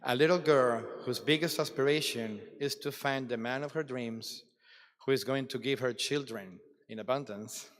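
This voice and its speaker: A man giving a formal, reflective address at a conference closing ceremony, with deliberate dramatic pauses. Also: medium pitch. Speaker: ceremony speaker. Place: large hall at a ceremony. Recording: long reverb of a large hall.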